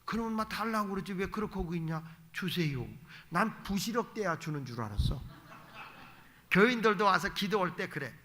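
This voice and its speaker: A man's voice: sits high, lively intonation, fairly quick, sharp tone. A man, a guest pastor, preaching an evening sermon in a blunt, folksy way with joking asides. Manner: folksy and emphatic, acting out little dialogues.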